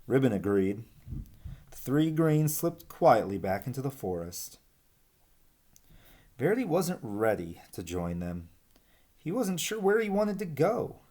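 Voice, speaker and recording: Reading a children's story aloud, a man uses an expressive storyteller's style. His average-pitched voice rises and falls with lots of animation, and he takes it slowly, leaving long pauses.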